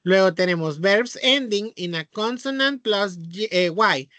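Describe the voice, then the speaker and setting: A man's voice: sits high, expressive, measured pace, bright, forceful tone, no echo. A man with a Mexican Spanish accent teaching English grammar in an online class, explaining patiently and checking in with the students often.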